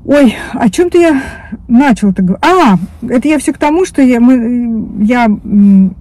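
A chatty Russian-speaking vlogger in her fifties talks casually to a phone camera on the dashboard of a parked car, rambling with many restarts and fillers. Her warm, mellow voice is on the high side, with lively intonation, an unhurried pace, and no echo.

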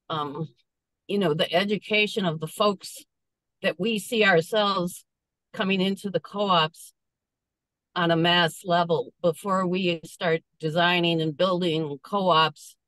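A woman's voice: fairly low pitch, a bit bright, no echo, poor audio. Woman calling in from a car speakerphone. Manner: earnest, measured, with frequent pauses and fillers. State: driving while talking. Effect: calling in over a car speakerphone. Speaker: meeting participant. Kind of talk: casual video call discussion. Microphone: phone speakerphone.

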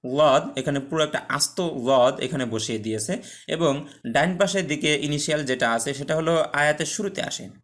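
A man's voice: fairly high pitch, fairly bright tone. Patient man teaching Quran letters. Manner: patient, explains step by step, many "ah" fillers, checks "okay?"; chants Arabic words slowly and drawn out. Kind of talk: online tajweed lesson.

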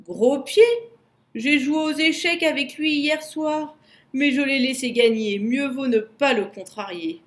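A woman voicing a friendly, boisterous grizzly bear in a storybook, loud and jovial. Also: high voice, a little slow, pitched above the performer's own voice. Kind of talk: storybook reading.

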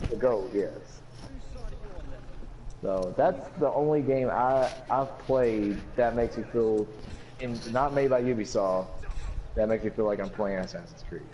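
Young guy rambling about games on a podcast, mellow darkish voice, lots of ums, bit of hiss. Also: on the low side, a little slow. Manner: rambling, many fillers and restarts. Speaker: podcast co-host. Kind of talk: casual gaming chat.

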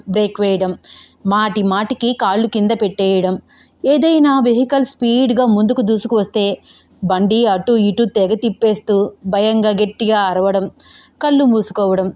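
A woman narrating a romance audio novel in an expressive, even storytelling manner. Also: mid-range voice.

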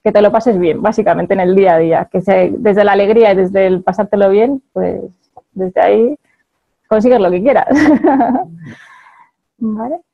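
A woman's voice: mid-range voice, normal speed, vocal fry, pauses often, muffled recording. A woman with a Spain Spanish accent giving a chatty motivational talk to an audience, laughing often and checking in with her listeners.

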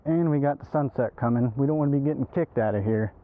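Chatting quickly in a medium-pitched voice, a young East Texas angler shoots a casual, excited fishing vlog on the bank of a swampy pond, his speech loose and slangy. His action camera, worn on the body, records muffled narrow-band audio amid outdoor noise.

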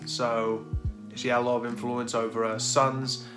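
Halting man talking over guitar music. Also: medium pitch, flat delivery, fairly bright tone. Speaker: paranormal investigator and video host. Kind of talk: casual talk to camera. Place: dark room indoors. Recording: music behind the voice.

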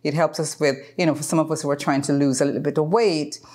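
A woman's voice: sits low, steady tone, quick pace, darkish tone. A woman in her fifties hosting a casual home cooking video, chatting and explaining as she works, with frequent ums, recorded in her home kitchen. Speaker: cooking channel host.

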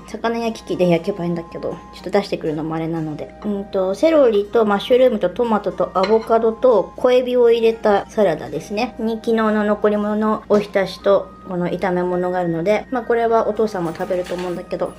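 A woman chatting casually to her viewers in a relaxed running commentary as a lifestyle vlogger. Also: medium pitch. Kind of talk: casual vlog chat.

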